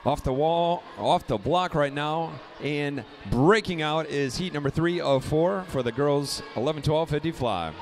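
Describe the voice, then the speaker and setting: A man's voice: a little high, slight background noise. A man announcing and calling races at a swim meet, reading lane after lane of names and times. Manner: rapid lane-by-lane roll call, rising excitement on close finishes.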